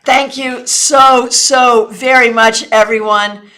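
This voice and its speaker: A woman's voice: a little high, steady tone, sharp tone. A woman with hiccups giving tarot readings on a live stream, chatty and often apologizing. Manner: apologetic, chatty, quick answers to viewers.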